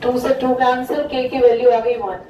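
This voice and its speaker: A woman's voice: a little high, fairly even intonation, normal speed, dark tone, a little hiss or hum. A woman maths teacher giving a classroom lesson, scolding students and mixing Hindi with English. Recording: echoey room from far off.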